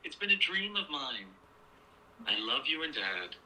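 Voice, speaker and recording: A man's voice: medium pitch, big pitch swings, measured pace, pushed and bright, slight background noise, full character voice, low-quality recording. An actor playing an earnest, exasperated son in his twenties, emphatic with a sarcastic edge, in naturalistic drama dialogue. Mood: earnest, insistent. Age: 20s.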